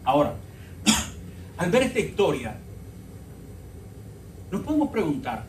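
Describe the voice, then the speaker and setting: A man's voice: a little high, huge pitch swings, slow pace, a little hiss or hum. A man preaching a sermon as pastor, telling the story dramatically and calling the congregation brothers. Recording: echoey church from far off.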